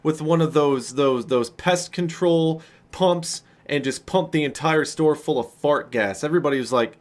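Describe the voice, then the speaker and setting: A man ranting through a story in a vlog, sarcastic and exasperated, with heavy swearing. His voice sits notably high for a man. He leans on snark to carry the tale. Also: moderate pace. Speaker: vlogger.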